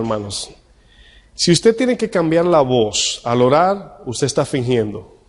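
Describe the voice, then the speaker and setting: A male pastor preaching a sermon in a conversational tone, asking the congregation questions and slowing down to read scripture. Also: medium pitch, a little mellow. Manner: slows right down when reading scripture. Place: church hall. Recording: long church-hall reverb.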